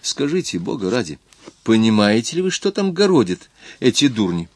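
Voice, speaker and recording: A man's voice: fairly low pitch, very animated, normal speed, no room sound. A man reading the part of a hot-tempered, scornful young nobleman in an audiobook. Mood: impatient.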